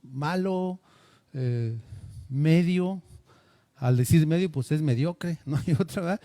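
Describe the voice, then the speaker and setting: A man's voice: on the high side, slow, warm tone, dry recording, clean studio sound. A man preaching a sermon, earnest and asking his listeners questions. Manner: earnest, asks the congregation questions.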